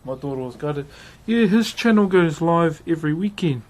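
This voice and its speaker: A man's voice: fairly high pitch, expressive, moderate pace. A man with a broad New Zealand accent chatting casually with livestream viewers as host, in a laid-back, matey way. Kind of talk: casual livestream chat while carving. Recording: clearly noisy background ambience.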